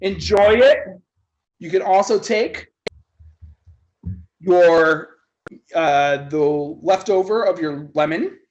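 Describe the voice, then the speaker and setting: A man's voice: sits high, takes it slowly, pauses often, highs cut off. A man teaching a casual livestream cocktail class as a bartender, loose and joking, swearing casually as he talks through each step.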